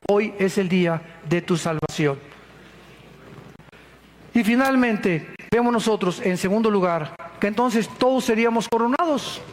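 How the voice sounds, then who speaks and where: A man with a Mexican Spanish accent preaches with a high, bright-pitched voice. He is dramatic and folksy and keeps asking his listeners questions. There is a faint hum of ambience behind him. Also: unhurried. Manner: emphatic and dramatic, jumping from soft low asides to sudden high outbursts. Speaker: pastor. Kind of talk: sermon.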